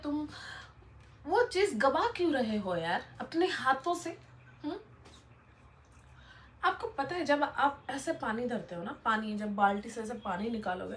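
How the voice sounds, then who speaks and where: A woman's voice: high-pitched, a bit bright, slight background noise. A young woman vlogger giving blunt, lecturing motivational advice, talking straight to her viewers. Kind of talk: motivational casual talk to camera.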